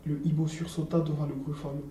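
A narrator reading a children's story aloud in a calm, measured way. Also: medium pitch. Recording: roomy, distant, faint noise.

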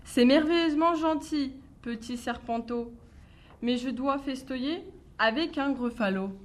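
A woman's voice: sits high, unhurried. A woman voicing a small, clever female mouse who bluffs her way past predators in a storybook reading. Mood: sly. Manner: bright, sly, bluffing.

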